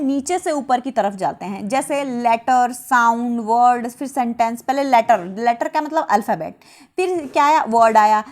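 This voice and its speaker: Woman teacher, high voice, rhetorical question-and-answer delivery. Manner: asks rhetorical questions then answers them; repeats key terms slowly. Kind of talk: exam-prep lecture.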